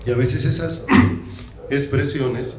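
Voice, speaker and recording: A pastor with a Colombian Spanish accent preaches in a church hall, his medium-pitched, slightly mellow voice moving slowly. He talks conversationally and asks the congregation many questions, recorded on a distant mic in an echoey, noisy hall.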